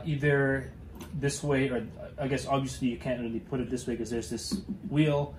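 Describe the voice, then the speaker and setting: A man's voice: medium pitch, a little mellow, echoey room, a little hiss or hum. A young man hosting a casual how-to demonstration, talking hesitantly with many fillers and restarts while he works with his hands in a cluttered garage. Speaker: DIY car channel host.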